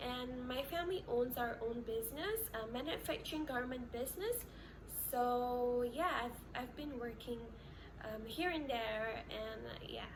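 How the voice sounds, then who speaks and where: A woman's voice: on the high side, measured pace. A woman in her twenties, a student guest, rambling with fillers. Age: 20s. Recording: noisy background.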